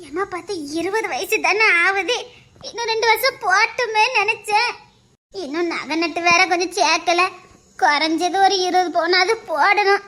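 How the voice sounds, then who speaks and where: A woman voicing a kind, trusting older mother-in-law in an animated story, with a soothing, fussing manner. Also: very high-pitched, normal speed, voice pushed down. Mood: thoughtful.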